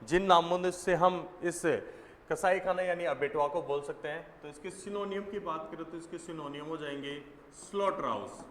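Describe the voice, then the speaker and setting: A man's voice: a little high, moderate pace, a bit bright, long reverb tail, slight background noise. A man teaching exam vocabulary, explaining step by step and answering his own questions.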